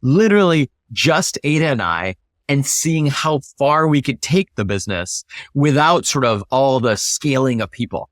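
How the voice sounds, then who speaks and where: A startup founder, appearing as an interview guest, explains his thinking emphatically and conversationally, leaning on rhetorical questions. His mid-range voice is animated at a moderate pace, recorded cleanly in a studio with no echo.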